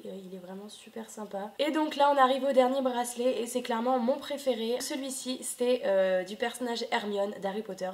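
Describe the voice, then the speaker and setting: A young woman vlogging casually at home, chatting with many hesitations and fillers into her camera. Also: fairly high pitch. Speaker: book vlogger. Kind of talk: casual video chat.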